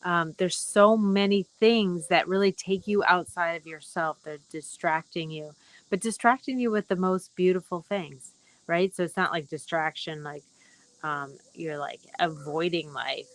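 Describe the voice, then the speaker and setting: A middle-aged woman hosting a casual live wellness broadcast, speaking gently and rambling with many fillers. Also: on the low side, a little slow, dry recording, low-quality recording. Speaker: wellness talk host.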